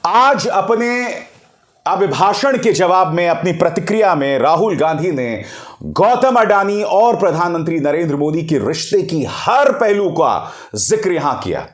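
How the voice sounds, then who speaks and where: A man's voice: fairly high pitch, reverberant. A man giving opinionated political commentary, speaking emphatically and often turning to his viewers as friends. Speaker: news commentator.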